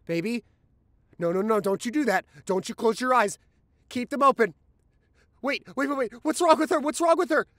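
Boyfriend audio role-play: young man as an anxious, loving partner; gentle, reassuring, ordinary middle pitch. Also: a little slow, pauses often, no room sound, clean studio sound. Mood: panicked. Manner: soft, soothing, reassuring. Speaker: voice actor reading a listener script.

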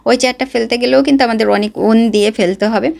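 A woman talks casually to her viewers. Her voice sits slightly high, and she explains things patiently, addressing the audience directly. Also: fairly even intonation, fast, creaky, darkish tone. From Bangladesh. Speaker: vlogger.

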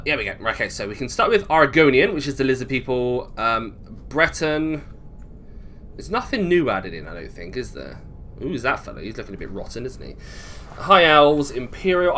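Video game music sits under this British man's casual, meandering playthrough commentary as he thinks out loud for his gaming channel. His voice is medium in pitch and a bit bright. There's a little hiss or hum in the recording.

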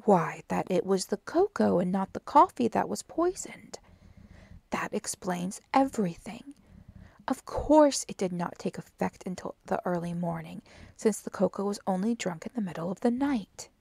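A woman voicing an eager, self-assured gentleman companion in a storybook reading. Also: mid-range voice, lively intonation, moderate pace, creaky, husky, no room sound. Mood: earnest. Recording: dry close audiobook recording.

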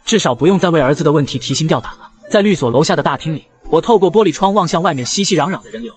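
A man narrating a novel in the first person with steady, brisk reading. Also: a little high, slightly rough, soft background music.

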